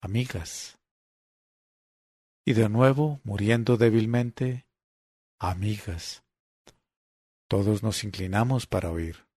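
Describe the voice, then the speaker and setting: A man reading a literary story aloud in a measured, deliberate way. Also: lowish voice, dark tone, no echo, clean studio sound. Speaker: narrator. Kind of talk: literary audiobook narration.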